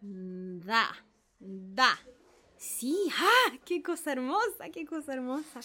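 A woman playing a naive middle-aged gentleman who gushes with wonder as he repeats his lessons, in a dramatic reading. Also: high voice, animated, slow, exaggerated voice. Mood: awed, eager. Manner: gushing, repeats sounds with wonder. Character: naive middle-aged male social climber, eager. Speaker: reader playing a pupil.

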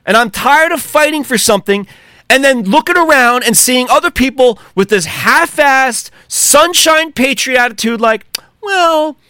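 A man's voice: extremely high pitch, bright, forceful tone, dry recording, studio quality. An American man delivering a heated, profane monologue rant, angry and sarcastic. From United States. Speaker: commentator.

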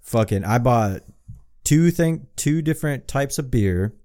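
A podcast co-host who lives in Hawaii chats casually in a warm, mid-range voice that's animated but a little slow. He's blunt and teasing and swears constantly.

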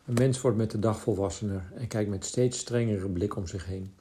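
A man voicing a reserved, shy young officer who speaks quietly in a storybook reading. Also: fairly low pitch, moderate pace, a little hiss or hum, lightly acted. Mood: pensive. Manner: quiet, muted.

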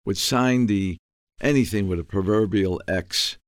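A man's voice: lowish voice, measured pace, dry recording, studio quality. A man in his eighties from New York's South Bronx, telling his life story emphatically in an interview, often repeating words and checking in with "okay". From South Bronx, New York. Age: 80s. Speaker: guest, entrepreneur.

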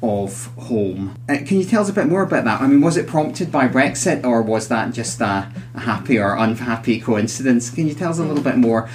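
A man's voice: medium pitch, expressive, brisk, hardly any pauses, a little mellow. A man hosting a psychology podcast in conversational style, chatty, with wry asides, in a recording room with guests.

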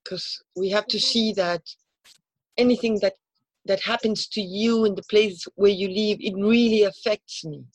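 A woman's voice: mid-range voice, measured pace, husky, dry recording, low-quality recording. Emotional Spanish-accented woman, searching for English words. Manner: emotional, earnest, repeats phrases for emphasis. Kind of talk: heartfelt conversation.

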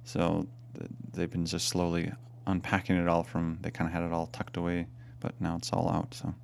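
A man's voice: sits low, monotone, moderate pace, vocal fry, a little hiss or hum. A man who is a parish priest, chatting casually and amiably on a podcast. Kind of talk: casual chat.

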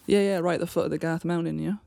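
A Welsh woman chats as a guest in an interview, relaxed and unhurried as she explains. Her voice carries a gravelly edge, and the sound is close and dry with no room around it. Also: fairly low pitch, no room sound. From Wales. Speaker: guest musician. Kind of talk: casual interview chat.

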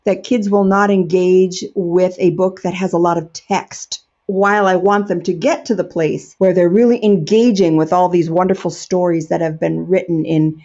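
A woman's voice: fairly low pitch, steady tone, normal speed, hardly any pauses, mellow, lo-fi sound. A middle-aged American woman, an educator and storyteller, answering interview questions in an earnest, enthusiastic way.

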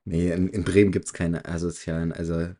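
A man's voice: sits low, flat delivery, fairly quick, mellow. A man co-hosting a podcast in casual chat, with dry, ironic remarks and hesitant fillers.

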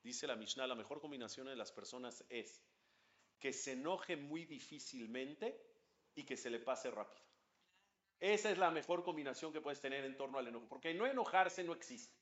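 A man, a rabbi giving a lively religious class, questioning his listeners and chanting Hebrew prayer lines. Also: medium pitch, moderate pace, dull audio.

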